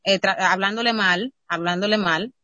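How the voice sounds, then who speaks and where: Dominican female podcast co-host, opinionated and animated storyteller, dry close sound. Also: mid-range voice, moderate pace, dry recording, dull audio. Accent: Dominican Spanish. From Dominican Republic. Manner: lively storyteller, acts out quotes. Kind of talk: casual discussion.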